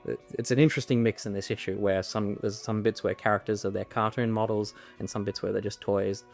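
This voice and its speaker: A man co-hosts with casual, wry commentary. His voice sits fairly low, and music plays faintly behind him. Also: little pitch movement, fairly quick, creaky. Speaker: co-host commenting on a comic.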